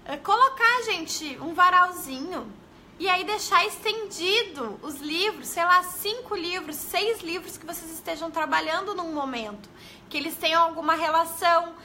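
Bright high-voiced Brazilian woman teacher. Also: normal speed, a little hiss or hum. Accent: Brazilian Portuguese. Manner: chatty, greets viewers, tags sentences with questions. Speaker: early-literacy educator. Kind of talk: casual live-stream teaching talk.

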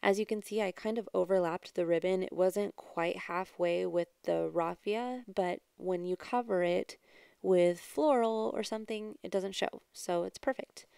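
A woman giving a casual, chatty do-it-yourself voice-over as a craft vlogger, with a creaky yet smooth voice. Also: lowish voice, unhurried, a little mellow, no room sound, clean studio sound. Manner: chatty, informal. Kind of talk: casual DIY voice-over narration.

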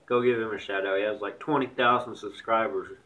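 A man's voice: lowish voice, steady tone, a little fast, sharp tone, rough recording. Young man, slight Southern twang. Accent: slight Southern country accent. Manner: rambling, swearing, blunt. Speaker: vlogger. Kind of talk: casual vlog rant.

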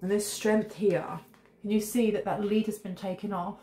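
A woman in her thirties does a casual tarot reading to camera in her home kitchen, her medium-pitched voice steady and dark. She's chatty and intuitive, wandering into rambling asides while sniffling from a cold. The room echoes, with a faint hiss on the recording.

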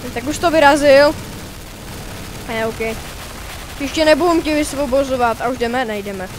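A man giving casual, rambling commentary while playing a shooter game, excitable and swearing now and then. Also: extremely high pitch, a little hiss or hum. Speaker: gaming video creator.

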